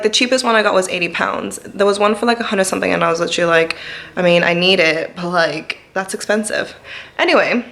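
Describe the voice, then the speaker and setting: A woman giving a casual vlog tour of her flat on a handheld camera, chatty and rambling with many fillers. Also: mid-range voice, slight background noise. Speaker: vlogger. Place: flat, indoors. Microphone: handheld vlogging camera.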